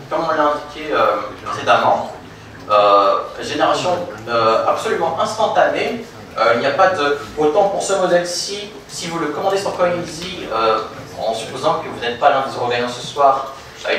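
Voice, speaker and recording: A young man giving a live product demonstration at a meetup, halting with many fillers and restarts. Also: medium pitch, fairly bright tone, slight background noise. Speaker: presenter. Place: conference room with audience, projector screen. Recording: very echoey room from a distance.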